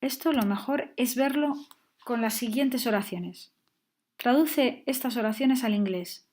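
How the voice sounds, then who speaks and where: Woman teaching grammar, slightly high. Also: measured pace, a little mellow. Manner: clear, patient explaining with frequent check-ins. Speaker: English teacher. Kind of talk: grammar lesson.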